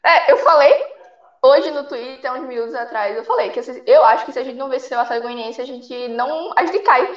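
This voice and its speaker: High-voiced woman, anxious and rambling. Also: fairly quick, echoey room, lo-fi sound. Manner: rambling, anxious, filler-heavy. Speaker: fan calling in to a sports show. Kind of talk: casual call-in chat.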